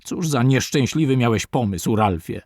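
A man's voice: mid-range voice, animated, moderate pace, a little mellow, dry recording, studio quality, close to an everyday voice. A man reading aloud and voicing a devoted young male adventurer in an audiobook. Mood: resolute.

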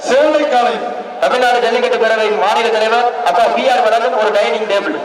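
A man announcing at an outdoor event through a public-address loudspeaker. He calls out prizes and cheers with loud, repeated shouts. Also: very high-pitched, fairly even intonation, fairly quick, noisy background. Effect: voice heard through a public-address loudspeaker. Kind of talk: live event commentary calling out prizes. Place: outdoor bull-taming arena. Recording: echoing loudspeaker heard from far off over a loud crowd.

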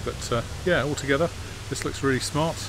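In a relaxed, halting manner packed with fillers, an English classic car vlogger talks through the cars while walking around an outdoor car park. He speaks at a normal middle pitch, and the phone picks up a jet washer and outdoor noise distinctly.

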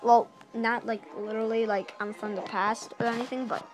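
Young woman, fairly high voice, excitable game commentary, rambling asides, faint game music behind. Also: moderate pace. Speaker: gameplay narrator. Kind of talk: casual let's-play commentary. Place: small dim room indoors. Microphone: handheld camera filming a game screen.

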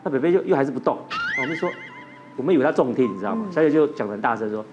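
A man's voice: medium pitch, expressive, racing, lo-fi sound. A man, a doctor guest on a TV talk show, telling a ghost story and acting out the voices of the patient and nurse. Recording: studio with music playing under it.

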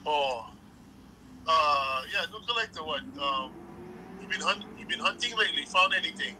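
Bright-voiced man telling stories. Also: a little high, lively intonation, normal speed, a little hiss or hum, low-quality recording. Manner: storytelling, laughs often, says bro, Hawaiian pidgin touches. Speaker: livestream host. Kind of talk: casual chat.

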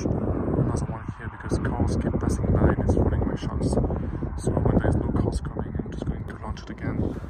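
A man in his thirties making a casual how-to vlog about night sky photography, talking in a relaxed way with many fillers, outdoors in a windy desert at night. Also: medium pitch. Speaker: astrophotographer vlogger. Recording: loud wind noise outdoors.

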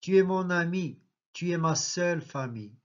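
A man's voice: high voice, normal speed, natural voice. A man reading as a tearful grieving woman. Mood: lamenting. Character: grieving middle-aged woman, tearful friend. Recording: slightly muffled lo-fi recording.

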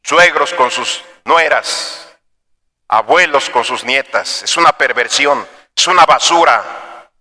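A man preaching a sermon as pastor, dropping to quiet storytelling and rising to shouts. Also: medium pitch, long reverb tail. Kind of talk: fiery sermon. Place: church.

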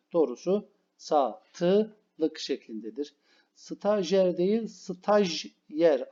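A man with a Turkish accent, teaching a spelling lesson to schoolchildren. He stretches out each correct word slowly and keeps calling on the children. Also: fairly high pitch, warm tone, dull audio. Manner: slow, drawn-out stress on each correct word; addresses pupils as children, explanatory.

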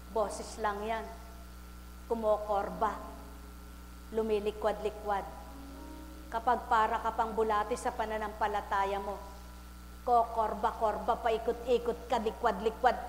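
A woman preaching a sermon, firing repeated rhetorical questions at the congregation and rising into loud exclamations. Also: medium pitch, level tone, unhurried, pauses often, faint music behind. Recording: echoey hall with faint hum.

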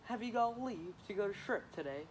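A man's voice: high voice, expressive, a little fast, a little hiss or hum. A teenage boy playing a weary, teasing old woman nurse in a school Shakespeare reading, drawing out complaints about her aches. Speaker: student actor.

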